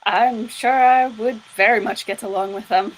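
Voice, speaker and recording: A woman's voice: on the high side, fairly even intonation, moderate pace, slight background noise, rough recording. A woman playing a tabletop game, making dry remarks in character chat. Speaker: player. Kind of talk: casual tabletop play.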